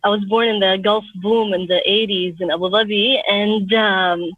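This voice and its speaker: A woman in her thirties from Abu Dhabi, a guest artist talking in a relaxed, reflective way outdoors in the wind. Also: mid-range voice, normal speed, slightly rough, no echo. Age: 30s. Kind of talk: casual interview talk. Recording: dull lo-fi sound, faint music.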